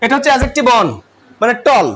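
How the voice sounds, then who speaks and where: High-voiced Bangladeshi male teacher. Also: expressive, quick pace, a bit bright, slight background noise. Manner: asks the class questions and repeats answers. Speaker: English grammar teacher. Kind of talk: classroom grammar lesson.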